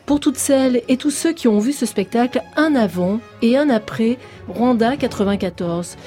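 A woman's voice: fairly high pitch, dark tone. A woman hosting a radio theatre show, reading a formal, literary, emphatic scripted introduction and then interviewing a guest. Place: radio studio.

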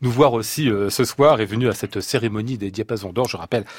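A French radio host in a dry studio talks at a quick clip in a slightly husky mid-range voice. He nudges his guest along with brisk follow-up questions and short affirmations. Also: on the low side, dry recording. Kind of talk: live radio interview.

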